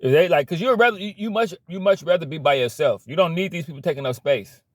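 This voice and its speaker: A man's voice: fairly high pitch, quick pace, no echo, clean studio sound. A man giving a blunt, slangy motivational rant about cutting problem people out of your life, repeating himself as he preaches. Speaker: motivational vlogger.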